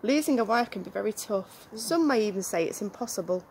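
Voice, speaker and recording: A woman's voice: medium pitch, lively intonation, fairly quick, darkish tone, low-quality recording. A middle-aged woman reading one-liner jokes aloud outdoors. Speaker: joke reader. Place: small back garden, outdoors. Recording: faint outdoor background noise.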